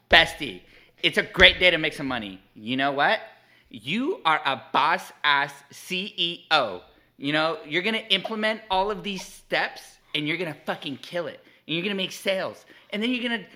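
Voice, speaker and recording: A man putting on an impression of a peppy female business coach, giving a loud, gushing pep talk. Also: a little high, pitched above the performer's own voice.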